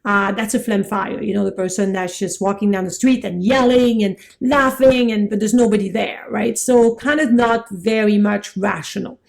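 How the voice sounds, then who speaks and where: A middle-aged woman teaching Chinese medicine in a chatty, excitable way, laughing at herself as she goes. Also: medium pitch, normal speed, vocal fry, hardly any pauses. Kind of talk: informal lecture.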